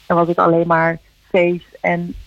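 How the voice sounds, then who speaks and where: A woman, a musician guest, talking earnestly and reflectively in halting phrases, heard over a phone line in a radio interview. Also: lowish voice, completely flat delivery, no echo. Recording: dull dry phone line.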